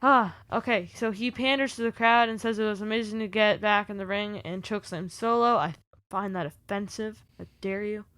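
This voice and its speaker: A woman's voice: mid-range voice, normal speed, a bit bright, no room sound. A woman co-hosting a wrestling recap podcast, reading through segments with sarcastic, exasperated asides. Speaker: podcast co-host. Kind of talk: casual wrestling recap chat.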